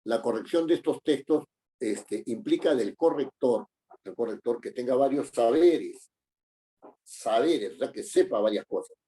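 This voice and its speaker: A man's voice: medium pitch, lively intonation, measured pace, mellow. A middle-aged man teaching a class, explaining patiently with many fillers and tag questions. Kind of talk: online class lecture.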